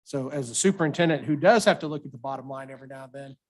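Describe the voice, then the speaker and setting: A man's voice: mid-range voice, very fast. A man, a school superintendent, speaking at a school board meeting in an enthusiastic, jokey manner.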